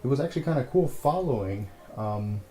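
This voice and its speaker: A man's voice: medium pitch, expressive, brisk, mellow, soft background music. Blunt rambling male movie reviewer. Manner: blunt, rambling, lots of "you know". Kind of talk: casual movie review vlog. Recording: echoey room, faint hum.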